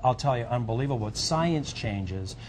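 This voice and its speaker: A middle-aged man giving a home shopping host's sales pitch, chatty and repetitive, urging listeners directly. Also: expressive, normal speed, a little hiss or hum.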